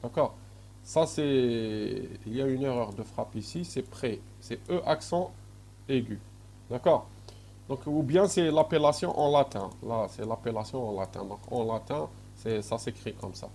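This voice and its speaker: Slow, mellow-voiced male lecturer. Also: mid-range voice, a little hiss or hum. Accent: Algerian French. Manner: slow, checks in often with "d'accord?", many hesitations. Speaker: university lecturer. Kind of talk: recorded lecture.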